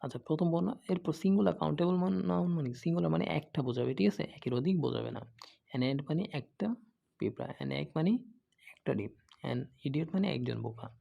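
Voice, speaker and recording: On dull audio, a man with a slightly high, animated, creaky voice explains English grammar at a quick pace. He stays patient, repeats examples, raises questions only to answer them himself, and frequently says "okay?"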